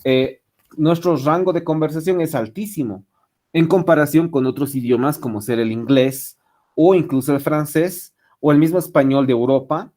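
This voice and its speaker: A man's voice: a little high, mellow. A man giving an online English lesson, rambling with many fillers and restarts. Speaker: English teacher. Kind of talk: online lecture.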